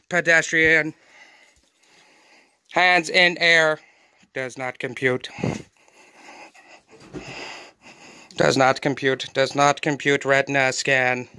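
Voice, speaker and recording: A bossy robot cop, as a man puts it on barks out clipped, monotone orders in a bright, crisp voice. It talks slowly and mechanically, stating every command like a verdict. The voice sits a little above an average man's. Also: a little high, dry recording. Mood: glitching. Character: bossy male robot police enforcer. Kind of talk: comedic skit acting.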